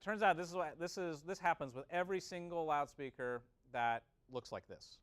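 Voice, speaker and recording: Working a calculation out loud, a man leads an informal audio engineering class and checks in with short questions. His voice is fairly high and fairly bright, clean in tone, at a moderate pace with no echo.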